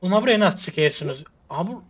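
Fed-up guy talking to himself while gaming, kinda high voice, muffled mic with a little hiss. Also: lively intonation, fast talker. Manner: exasperated, muttering to himself, swearing and sighing prayers. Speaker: gamer. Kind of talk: frustrated gameplay commentary. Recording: slightly muffled with faint hiss.

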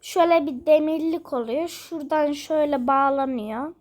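A young female gamer, sick and coughing, chatting quietly from her bedroom while she plays, rambling with lots of fillers. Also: sits high, moderate pace. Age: school-age. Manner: rambling, many fillers, self-amused. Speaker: gaming vlogger. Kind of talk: casual let's-play chat. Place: bedroom at home.

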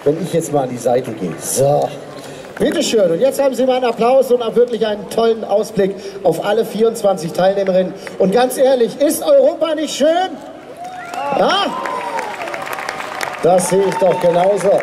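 A man's voice: high-pitched, very animated, normal speed, a crowd in the background. A man hosting a pageant on an outdoor stage with a handheld mic, chatty and telling anecdotes to the audience. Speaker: pageant host.

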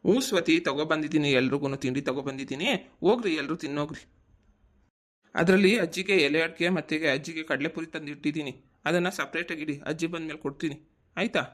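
A man's voice: a little high, fairly even intonation, fast, a bit bright, close to an everyday voice. A man voicing an affectionate village father home from the city, coaxing and fatherly. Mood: explaining. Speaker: cartoon voice actor. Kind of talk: cartoon voice acting.

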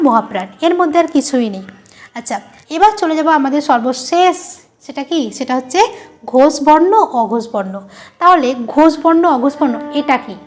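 A woman teacher talks through an online grammar lesson. She is patient and repeats each point, often asking a short question and then answering it herself. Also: sits high. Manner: patient, explains by repeating and quizzing the listener.

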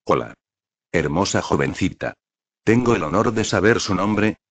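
A man's voice: low voice, lively intonation, moderate pace, breathy edge, no room sound, exaggerated voice. A man voicing a pompous, brawling old male landlord who whines and blusters in a storybook reading. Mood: courteous.

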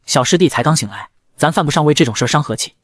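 A man voicing a cowardly, scheming young male disciple who whines and fawns, in a fast manga recap narration. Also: a little high, lively intonation, fairly bright tone, no room sound. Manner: whiny, fawning.

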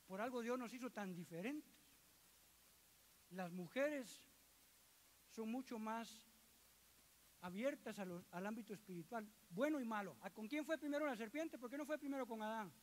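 A man's voice: very high-pitched, expressive, moderate pace, long pauses, slight background noise. A middle-aged man, preaching a sermon to his congregation as a church elder, joking with the listeners and acting out quoted voices.

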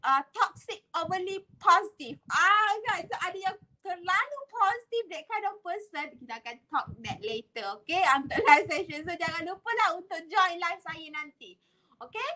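Chatty Malaysian woman, bright high voice. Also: lively intonation, normal speed, rough recording. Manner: chatty, mixes English into Malay, laughs often. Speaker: HR live session host. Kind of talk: casual live-stream talk.

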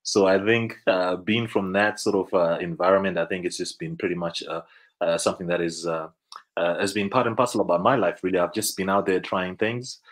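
A man's voice: sits low, steady tone, brisk, low-quality recording. A Zimbabwean man in his thirties with a Zimbabwean accent, a business guest telling stories on a video call, rambling with restarts and fillers. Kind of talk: casual interview storytelling. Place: indoor room, video call. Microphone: video call webcam.

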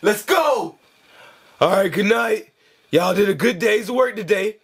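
A bossy, excitable cartoon bird, played by a man, barks orders at his flock in a high voice. He is loud and rowdy throughout this puppet comedy. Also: measured pace, creaky. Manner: loud, rowdy, leads the group.

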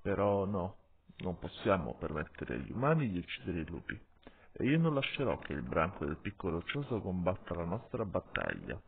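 A man's voice: sits low, huge pitch swings, moderate pace, gravelly, husky, heavily acted. A man doing a grave old pack-leader wolf. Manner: grave, commanding. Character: stern male pack leader wolf, weary. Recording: tinny phone-like audio.

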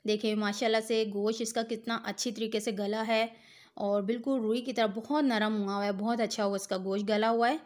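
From her home kitchen, a middle-aged woman takes the viewer through a home recipe one stage at a time, speaking to them directly as a cooking host. Her voice is slightly high and a little mellow, level in tone and fairly quick, with a patient, instructive feel.

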